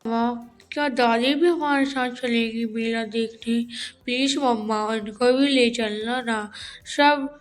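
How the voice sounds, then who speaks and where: A small cartoon village boy whines and pleads, his voice high and pushy, as a woman acts him out. He begs in a loud, eager rush. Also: steady tone, faint music behind. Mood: pleading. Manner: pleading, raised and quick.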